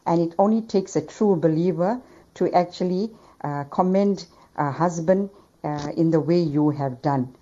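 A woman's voice: on the low side, measured pace, dark tone. A woman leaving an earnest recorded voice message, giving advice with Islamic blessings, played back on air. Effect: voice message played over the radio. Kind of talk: recorded voice note read out as advice. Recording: dull lo-fi voice message.

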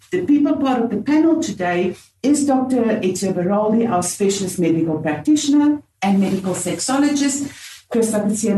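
A woman's voice: mid-range voice, dark tone. A woman with a South African accent, hosting a panel discussion as a radio talk show host. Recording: roomy, distant mic, faint background noise.

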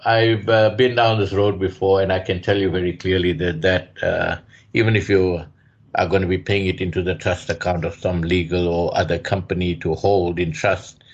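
A man co-hosting a radio talk show, speaking in a measured, hesitant way with many fillers. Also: deep voice, level tone. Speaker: radio co-host. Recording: dull lo-fi radio sound.

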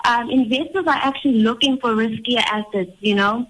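Slightly high-voiced woman financial guest, out of breath. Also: fairly quick, a bit bright, low-quality recording. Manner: chatty, laughing, with many fillers. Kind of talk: phone-in interview.

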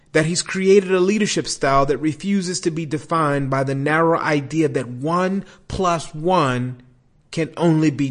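A man hosting a podcast, delivering a scripted introduction and interview questions with emphatic, dramatic pauses. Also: on the high side. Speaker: podcast host.

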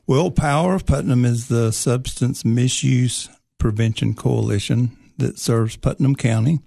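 Gravelly man explaining things carefully. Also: mid-range voice, warm tone, no room sound, studio quality. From Tennessee, United States. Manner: measured, explanatory, with frequent fillers and restarts. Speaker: guest, prevention coalition leader. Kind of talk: conversational interview.

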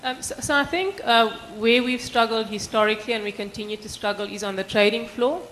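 A woman with a croaky, congested frog voice, presenting statistics to a panel audience in a measured, formal way. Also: fairly high pitch, a bit bright, slight background noise, low-quality recording. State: croaky from post-nasal drip. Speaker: panelist from a brokerage.

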